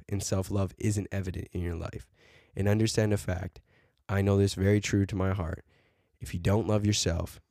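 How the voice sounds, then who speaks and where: A man's voice: low voice, dark tone, no room sound, clean studio sound. Fired-up, preachy podcast man. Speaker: podcast co-host. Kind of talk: casual podcast chat.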